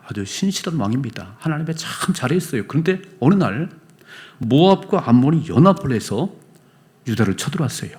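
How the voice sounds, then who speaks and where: An emphatic male pastor delivering a Sunday sermon in a church sanctuary. His pitch sits in the middle range for a man, and he drives his points home with insistent repetition. Now and then he slows down to lead the congregation through scripture. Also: darkish tone. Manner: emphatic, leads congregation in reading scripture aloud; acts out short quoted voices of people in the story.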